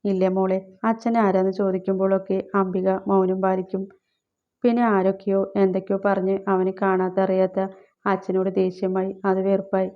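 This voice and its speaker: A woman narrating a romantic audiobook story and reading all the characters' lines herself. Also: mid-range voice. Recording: slightly dull lo-fi recording.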